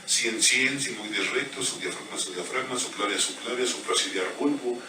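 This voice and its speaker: A man working as a biomagnetism therapist, reciting pairs of body points in a quick, steady murmur during a live scan. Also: mid-range voice. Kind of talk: rapid-fire live scanning recitation. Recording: echoey room, distant mic, background noise.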